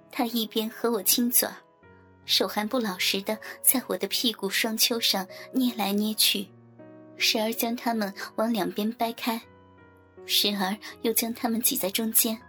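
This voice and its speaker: A woman narrating an erotic audiobook in the first person, reading in a soft, even, intimate way. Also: on the high side.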